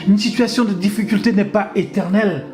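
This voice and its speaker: A man's voice: high voice, steady tone, a little fast. A man in his fifties, a pastor, giving an emphatic, repetitive sermon full of amens and hallelujahs. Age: 50s. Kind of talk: exhorting sermon talk with his wife. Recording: music playing underneath.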